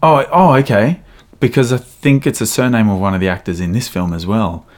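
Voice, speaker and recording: A man co-hosting a podcast, chatting excitedly about favourite film moments and laughing often. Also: lowish voice, fairly quick. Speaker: podcast co-host. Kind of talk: casual film review chat.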